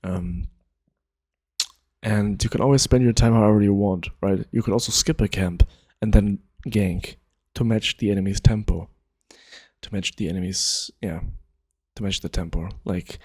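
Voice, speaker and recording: A man giving a relaxed, rambling explanation of a game concept, full of fillers and loose asides as he talks. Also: lowish voice, normal speed, husky, no echo, studio quality. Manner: laid-back, rambling, many fillers. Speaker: gaming video creator. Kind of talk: casual explainer monologue.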